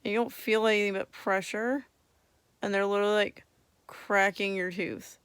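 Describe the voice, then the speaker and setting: A woman's voice: medium pitch, steady tone, moderate pace, a bit bright, smooth, no room sound. A young woman chatting casually and candidly after wisdom teeth removal, drowsy, with a swollen mouth and a lisp. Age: young adult. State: tired, drowsy from medication. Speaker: vlogger. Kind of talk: casual chat.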